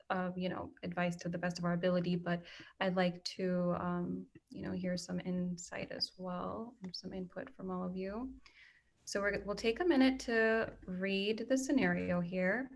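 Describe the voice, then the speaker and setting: A woman facilitating a live group chat, friendly and inviting as she opens the floor to the group. She also reads a written scenario aloud at a steady pace. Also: mid-range voice. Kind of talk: leading a group discussion on a live video chat.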